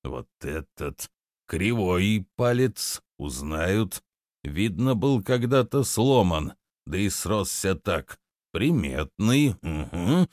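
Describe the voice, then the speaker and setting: A man's voice: fairly low pitch, animated, measured pace, no echo, clean studio sound. Man doing a snarling greedy bandit. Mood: muttering. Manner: growling, threatening, barking. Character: greedy brutal male bandit, middle-aged, snarling. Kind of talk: audiobook character reading.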